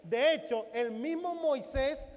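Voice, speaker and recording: A man with a strikingly high voice preaches a Sunday sermon, his words ringing out in a church hall with a long reverb tail. He keeps the congregation engaged with rhetorical questions and acts out biblical dialogue as he goes. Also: slow pace. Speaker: pastor. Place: church sanctuary.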